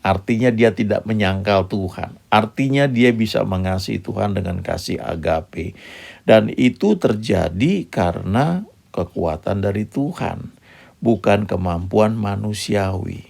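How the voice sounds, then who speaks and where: Gravelly low-voiced male preacher. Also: measured pace, a little mellow. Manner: explanatory, with frequent checking "ya" asides. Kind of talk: sermon.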